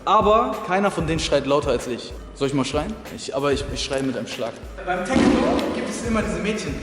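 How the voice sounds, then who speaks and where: Joking around on camera in a dojo, a man delivers rowdy mock lessons for his martial arts video. He talks quickly in a slightly high, fairly bright and expressive voice, over background music in a very reverberant hall.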